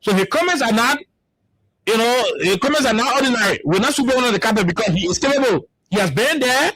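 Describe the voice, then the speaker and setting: A man's voice: very high voice, animated, quick pace, pushed and bright, slightly rough, no room sound, rough recording. A man with a Liberian English accent, hosting a heated political panel talk and repeating words as he presses his points. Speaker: talk show host.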